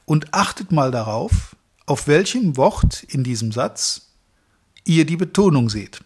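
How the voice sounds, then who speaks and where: A man's voice: on the high side, big pitch swings, measured pace, a little hiss or hum. A middle-aged man from Germany giving a motivational training talk to salespeople, speaking to them directly and stacking up long lists of verbs.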